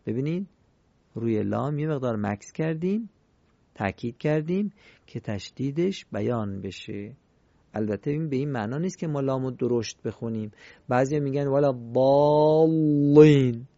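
A man teaching Quran recitation in a recorded lesson, explaining rules politely and chanting example words slowly and clearly. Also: mid-range voice, lively intonation, dark tone, dry recording, highs cut off. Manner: polite, formal teaching phrases.

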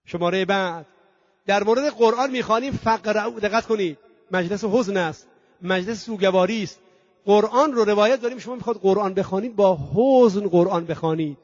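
Chanting scripture in a singsong way, a preacher with a high voice addresses a mourning gathering through long emphatic lists and rhetorical questions to the congregation. The sound is muffled and lo-fi, very dry with no echo.

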